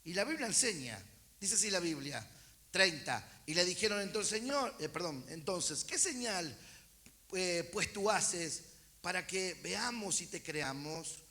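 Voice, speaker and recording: This pastor has a high, expressive voice, bright and forceful, delivered a little slowly. Speaking with a Rioplatense Argentine accent at a church service, he reads scripture aloud and calls out to the congregation, mixing in chatty asides.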